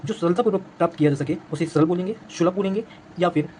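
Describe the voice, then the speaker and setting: Guy rattling thru a grammar lesson super fast, kinda high voice, keeps asking "what's it called?". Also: darkish tone, slight background noise. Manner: rapid, repeats each answer as a quiz question. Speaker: teacher. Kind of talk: exam prep lesson.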